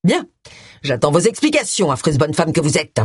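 A woman's voice: low-pitched, big pitch swings, moderate pace, slightly rough, no room sound, clean studio sound, heavily acted. A woman voicing an indignant middle-aged male vicar who talks curtly and scolds. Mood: stern. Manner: curt, scolding.

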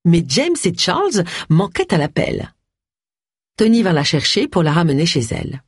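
An audiobook narrator reading a novel in an expressive, varied way. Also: mid-range voice, normal speed, slightly rough, no room sound, clean studio sound. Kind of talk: scripted narration.

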